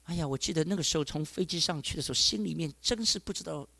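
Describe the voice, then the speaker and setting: Male pastor preaching a testimony, emotional and exclaiming, a bit high-pitched, dry close sound. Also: quick pace, vocal fry, sharp tone, no echo. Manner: emotional storytelling with frequent sighing exclamations. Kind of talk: sermon with a personal testimony.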